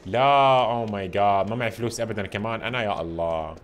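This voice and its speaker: A man giving casual, excitable commentary while playing a video game, talking to his viewers all the time. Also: fairly low pitch, quick pace. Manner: excitable, chatty, addresses viewers constantly.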